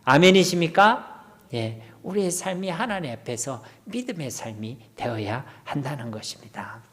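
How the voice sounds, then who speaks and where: A man's voice: a little high, very animated, moderate pace, fairly bright tone. A middle-aged male pastor with a Gyeongsang Korean accent, preaching an expository sermon in a church hall. He asks the congregation questions and drops to near-whispers.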